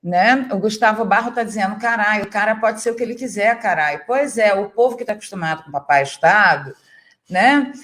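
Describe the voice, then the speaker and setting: A woman's voice: medium pitch, brisk, a bit bright. A Brazilian woman hosting a live chat, chatty and teasing as she reads viewer comments aloud. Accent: Brazilian Portuguese. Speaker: live stream host.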